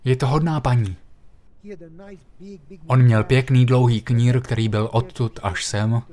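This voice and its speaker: A man at mid pitch delivers a sermon as a vivid personal story. He talks emphatically and leans into key phrases by slowing down. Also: steady tone, a little mellow. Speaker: preacher.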